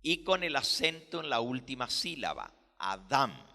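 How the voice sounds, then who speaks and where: A man preaching a sermon as pastor, teaching slowly and deliberately, explaining words with care. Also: mid-range voice, very animated, bright, forceful tone, in a large hall. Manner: slow, deliberate teaching with careful word explanations.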